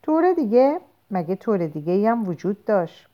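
A woman's voice: mid-range voice, very animated, dull audio, voice pushed up, natural voice. A woman reading a storybook aloud, voicing a carefree, easily anxious young woman who pleads in a raised voice. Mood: coaxing.

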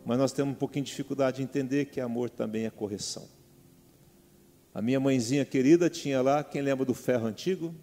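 A man's voice: mid-range voice, fast, dark tone. A middle-aged man with a Brazilian Portuguese accent preaching a sermon as pastor, calling out to the congregation with repeated questions. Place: church hall. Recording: long hall reverb with faint music.

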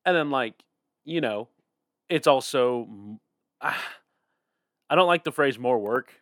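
Unhurried and fairly bright, his mid-range voice has lively intonation as the young co-host, still shaking off a cold, chats casually on a podcast. He's tired, yawns, rambles and laughs a lot, and the clean studio sound has no echo.

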